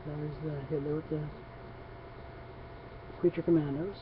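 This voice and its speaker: On the high side and delivered flatly, this man's unhurried voice carries a casual on-camera chat about his comic book pickups. As a comics vlogger, he rambles with many restarts and fillers, and the audio is dull, lo-fi, and faintly noisy.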